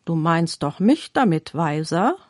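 A woman's voice: low-pitched, big pitch swings, a little slow, no room sound, clean studio sound, heavily acted. A woman reading the lines of a talkative king in a parable, puzzled and questioning. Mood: suspicious.

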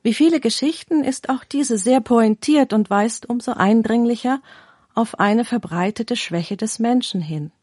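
A woman presenting a radio talk and reading a parable in a calm, clear, formal manner. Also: fairly high pitch, a little slow, no echo, studio quality. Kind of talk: scripted storytelling reading.

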